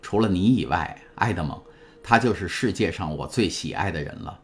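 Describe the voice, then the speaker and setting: A man's voice: on the low side, sing-song, moderate pace. A man reading an audiobook, voicing a devoted, steadfast young woman in an earnest, pleading way. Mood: warm.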